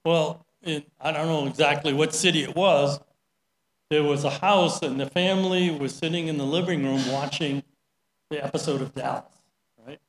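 A man's voice: a little high, normal speed, slight background noise. A middle-aged man giving a sermon, telling a story in a chatty way with many "right?" asides. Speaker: preacher. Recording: roomy echo.

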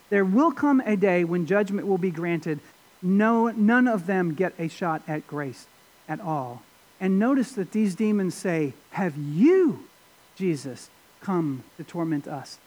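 A man preaching a sermon, emphatic, with rhetorical questions and sudden swings between loud and quiet. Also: high voice. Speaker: pastor.

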